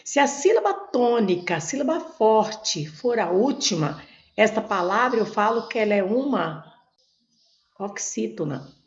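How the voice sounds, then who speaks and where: A woman's voice: medium pitch, lively intonation, a little slow, echoey room. A woman teaching Portuguese grammar for an exam, explaining step by step, with a Brazilian Portuguese accent, who asks questions and then answers them herself. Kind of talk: exam prep lesson, explaining on a board. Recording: dull lo-fi recording.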